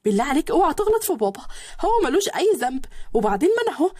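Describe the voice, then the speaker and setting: A woman's voice: sits high, big pitch swings, darkish tone, dry recording, studio quality. A woman voicing a stubborn, childish young bride with an Egyptian accent, whiny and pouty. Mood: pouty defiant. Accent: Egyptian Arabic. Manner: whiny, pouty, quick retorts.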